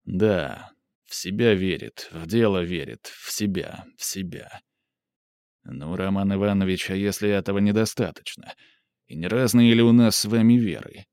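A man reading aloud and voicing a brooding, quick-tempered young man, low and intense. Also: dark tone, clear, resonant tone, dry recording, clean studio sound, lightly acted.

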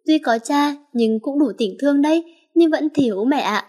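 A woman's voice: high-pitched, normal speed, warm tone, pitched above the performer's own voice, natural voice. A woman voicing a hurt little boy of about five who pleads tearfully with his new mother in an audiobook story. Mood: pleading.

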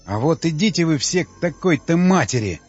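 A man's voice: a little high, expressive, fairly quick, slightly rough, highs cut off, soft background music, pitched above the performer's own voice. A man voicing a drunk raving man screaming curses. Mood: furious. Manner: shouting curses, hysterical.

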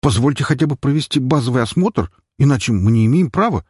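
A man's voice: fast, slightly rough, no room sound, studio quality. A man voicing a flustered, evasive middle-aged male doctor who speaks in a nervous, raised voice. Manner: nervous, high-pitched and excited.

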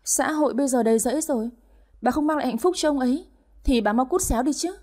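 A woman voicing a young scheming mistress who shouts rudely and pleads in tears, with a husky voice. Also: fast talker. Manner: shrill, rude, tearful pleading. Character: young scheming female mistress, shrill and tearful.

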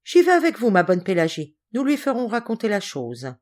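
A woman reading an audiobook aloud and voicing a plump, meddling, gossiping spinster cousin in a shrill, bossy voice. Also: huge pitch swings, brisk, darkish tone.

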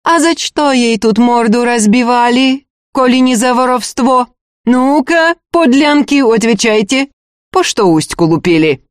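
A woman voicing a cruel female estate manager who sneers and barks orders in a shrill, cutting voice. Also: lively intonation, measured pace, dry recording, studio quality, lightly acted. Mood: shrill commanding.

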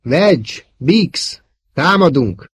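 A man voicing a bold young male rebel fighter pilot who shouts urgent commands. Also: medium pitch, lively intonation, breathy edge, dry recording, studio quality, pitched above the performer's own voice. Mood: urgent commanding.

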